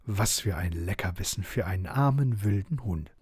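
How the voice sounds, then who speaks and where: A man voicing a big, boastful, hungry wild dog in a bedtime storybook reading, gruff and menacing. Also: sits low, lively intonation, normal speed, a little mellow, dry recording, clean studio sound, exaggerated voice. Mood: gloating.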